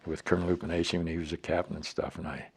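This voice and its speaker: Gravelly, deep-voiced elderly American veteran remembering. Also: male voice, little pitch movement, very fast. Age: older, elderly. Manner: plain-spoken, acts out remembered dialogue. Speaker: war veteran being interviewed. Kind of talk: old veteran remembering, anecdotal storytelling.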